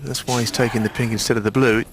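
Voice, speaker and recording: A man giving hushed live snooker commentary in short, unhurried, conversational remarks. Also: medium pitch, flat delivery, slight background noise.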